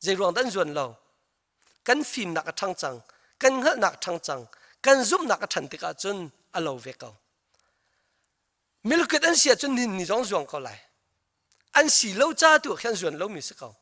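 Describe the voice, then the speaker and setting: Man, pastor, sermon, bright high voice, storytelling.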